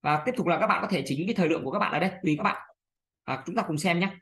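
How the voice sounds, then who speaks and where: Fast-talking woman giving a screen tutorial. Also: fairly low pitch, fairly bright tone. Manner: chatty, fillers, many "đây này" pointers. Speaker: video editing tutor. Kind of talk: screen-recorded software tutorial.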